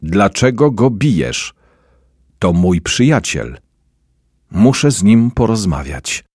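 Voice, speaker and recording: A gentle, fatherly priest, as a man puts him on, asking patient questions in an unhurried voice. The low, husky tone sits close and dry. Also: big pitch swings, no room sound, full character voice. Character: kind, gentle male priest and educator.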